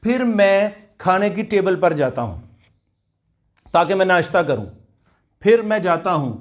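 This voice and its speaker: High-voiced man drilling Arabic phrases. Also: very animated. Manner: slow, repeats Arabic words many times for drilling; explains in Urdu, asks students to repeat aloud. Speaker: Arabic language teacher. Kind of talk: online class lecture.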